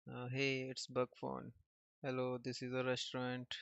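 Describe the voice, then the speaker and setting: A man's voice: medium pitch, monotone, unhurried, gravelly, fairly bright tone, no room sound, dull audio. A man casually reading a comic aloud, giving every character the same plain voice and chuckling often between lines. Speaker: manga reader.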